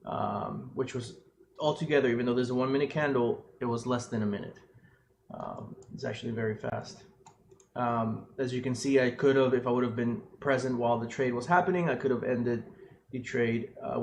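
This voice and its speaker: Rambling man on a low-quality webcam mic. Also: slight background noise. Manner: loose and rambling, with many fillers and restarts. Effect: low-quality webcam microphone sound. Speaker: day trader recapping a trade. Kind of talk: casual screen-share trading recap. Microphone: webcam microphone.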